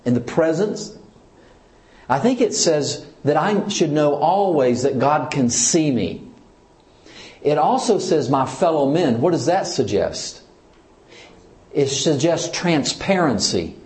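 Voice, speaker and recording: Speaking slowly in a higher-pitched voice, this man preaches in an echoey room. As a church leader teaching his congregation, he quizzes them with questions and stresses each point with lively emphasis.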